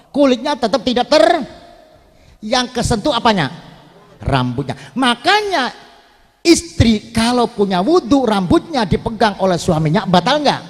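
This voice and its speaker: Lively preacher, echoing hall. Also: male voice, extremely high pitch. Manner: animated, joking, addresses audience directly. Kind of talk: live sermon storytelling. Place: large religious gathering hall. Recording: reverberant hall.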